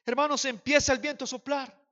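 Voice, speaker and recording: Fiery high-pitched preacher in an echoey hall. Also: male voice, little pitch movement, fairly quick, highs cut off. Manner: impassioned preaching, swings from quiet to shouting; calls the congregation to repeat and raise hands. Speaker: pastor. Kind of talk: sermon. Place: church hall.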